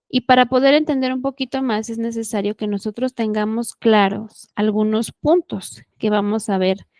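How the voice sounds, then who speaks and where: A woman's voice: a little high, no echo, clean studio sound. Woman teaching a church lesson. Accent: Mexican Spanish. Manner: steady, instructive, often asks ¿verdad?.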